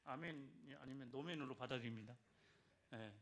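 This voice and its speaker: A man's voice: medium pitch, normal speed, vocal fry, fairly bright tone. An older man, a church elder giving an evangelism testimony and exhorting the congregation with repeated phrases and calls for response.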